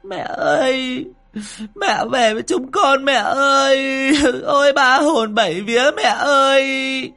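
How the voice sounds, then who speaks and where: Wailing grief-stricken daughters. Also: male voice, extremely high pitch, takes it slowly, creaky, sharp tone, soft background music, pitched above the performer's own voice, full character voice. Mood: grieving. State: crying. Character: two grieving young daughters wailing.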